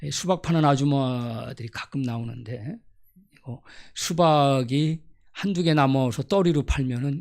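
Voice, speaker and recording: A man's voice: mid-range voice, gravelly. A middle-aged man from Gyeonggi Province preaching a Sunday sermon as pastor, telling folksy, humorous stories and acting out dialect quotes. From Gyeonggi Province, South Korea.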